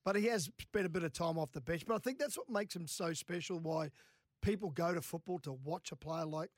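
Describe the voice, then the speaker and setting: A man's voice: a little high, fairly quick, no echo, studio quality. A middle-aged or older man telling matey sporting anecdotes in casual, chuckly chat. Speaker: former rugby league player and coach, guest.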